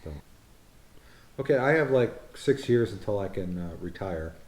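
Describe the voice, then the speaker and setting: Recorded poorly in an echoey room, this US vlog co-host in his fifties chats casually in a rambling, teasing manner, often restarting and self-correcting. His rather low, darkish voice is animated yet measured in pace.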